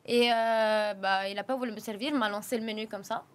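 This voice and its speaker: A woman guest in casual chat who tells her story in an animated way, with many fillers and small laughs. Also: mid-range voice, brisk.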